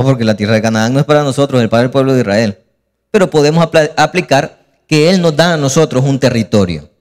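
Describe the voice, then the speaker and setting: A man preaching a sermon as pastor, lively and acting out scenes. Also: medium pitch, big-room sound.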